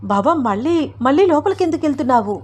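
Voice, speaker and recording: A woman's voice: high-pitched, sing-song, fast talker, voice pushed up. A woman voicing an anxious young woman in a storybook reading, urging her companion to leave.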